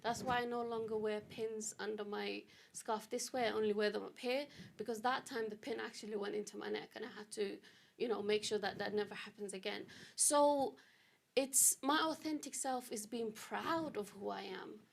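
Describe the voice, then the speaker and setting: A woman's voice: mid-range voice, steady tone, normal speed, creaky. A woman from Britain speaking as a panelist on an online discussion, earnest and direct about her own experience. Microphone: video call.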